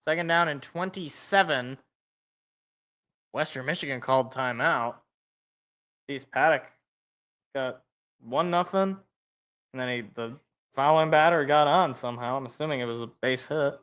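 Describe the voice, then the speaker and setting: A man doing casual live play-by-play football commentary, reacting as he goes and moving between excited calls and muttered asides. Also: medium pitch, normal speed, pauses often, smooth.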